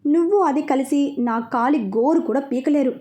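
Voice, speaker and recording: An arrogant, hot-tempered young fashion designer, as a woman puts her on in an audio storybook. She snaps orders in a scornful, bossy way. The voice is high and soft-edged. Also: moderate pace, natural voice. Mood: angry, bossy.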